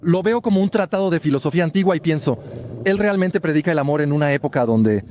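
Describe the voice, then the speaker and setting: A man interviews passers-by on the street, asking probing and deliberately provocative questions. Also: on the high side, lively intonation, a little mellow, a little hiss or hum.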